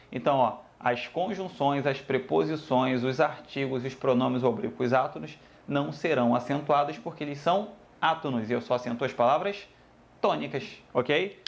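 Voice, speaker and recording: A man's voice: mid-range voice, muffled recording. A man teaching a grammar lesson, addressing students casually and repeating each rule. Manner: lively, addresses students as "galera", repeats rules.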